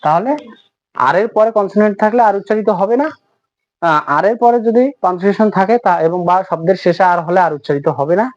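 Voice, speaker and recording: A man with a slightly high voice teaches a beginner spoken English lesson. He explains each point patiently and circles back over his own words, then reads each example sentence very slowly. The recording is dull and muffled, with a dry, close sound. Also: dry recording. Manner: explains slowly, repeats words, many fillers.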